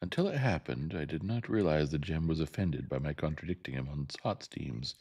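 Very deep gravelly-voiced man reading softly. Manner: soft, unhurried reading. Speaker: narrator. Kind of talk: gentle ASMR reading.

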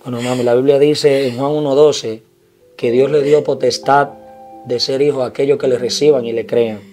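An actor gives a grown son who is done with his mother's drinking, firm and scolding at first, then soft and forgiving. His voice is mid-pitched. Music plays behind him in this moral drama. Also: fairly even intonation, normal speed, close to an everyday voice. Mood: tender. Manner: stern, then gently preaching. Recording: background music.

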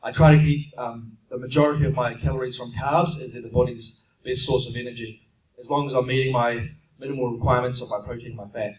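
Fielding audience questions in a casual Q&A, a young fitness speaker from New Zealand talks fast in a mid-range voice, explaining plainly and steadily with plenty of "um"s. A distant camera picks him up, handheld mic and all, from across a big, echoey expo conference room with faint noise behind.

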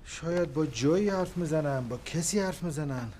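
A man's voice: a little high, expressive, darkish tone, a little hiss or hum, lightly acted. An actor playing a male hotel owner who speaks courteously and deferentially.

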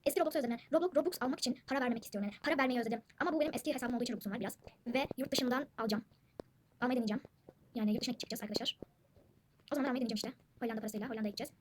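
A high-pitched young woman rattling off quick, chatty gameplay commentary and calling out to her viewers again and again. She is recorded at home, with siblings' chatter clearly audible in the background. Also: noisy background. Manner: chatty, addresses viewers constantly. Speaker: gaming channel host. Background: siblings talking in the background.

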